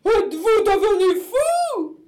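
A woman's voice: very high-pitched, very animated, slow pace, darkish tone, voice pushed up, exaggerated voice. A woman voicing a flustered, grumbling old Father Christmas in a children's story, exclaiming and fretting. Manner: exclaims and frets, scolds.

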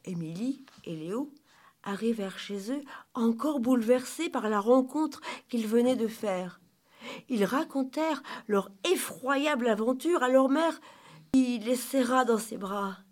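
Conteuse pour enfants, voix voilée, lecture lente et expressive. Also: female voice, a little high, unhurried. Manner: lively, dramatic narration. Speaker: storyteller. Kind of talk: expressive children's story reading.

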